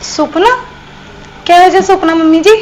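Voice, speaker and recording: An actress playing a worried young daughter-in-law with a Punjabi accent in a short film. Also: female voice, extremely high pitch, steady tone, moderate pace, a little mellow, a little hiss or hum. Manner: worried, questioning.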